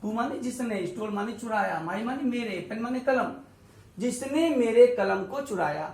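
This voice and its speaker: A male teacher gives a classroom lesson at a very slow, deliberate pace. He repeats each point and keeps checking whether it is clear. His voice sounds distant, in an echoey room. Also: very high voice, lively intonation, a little mellow. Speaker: English teacher.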